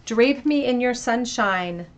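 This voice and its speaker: A woman giving a pick-a-card tarot reading, speaking gently and reflectively straight to the viewer. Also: on the high side, animated, slow, slight background noise. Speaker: tarot reader.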